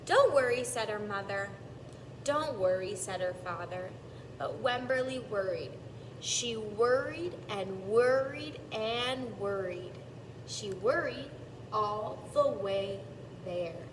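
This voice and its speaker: With a medium-pitched voice, a woman reads a storybook aloud to preschoolers in a deliberate teacher's manner, stretching out repeated words and pausing to explain. The mic is distant and the sound echoey, with a clearly noisy background.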